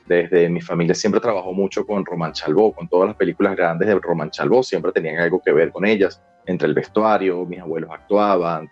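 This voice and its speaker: A Venezuelan man in his forties, appearing as an interview guest, tells stories in a casual, talkative, colloquial way. His voice is low, slightly mellow and husky, and the recording has a lo-fi sound.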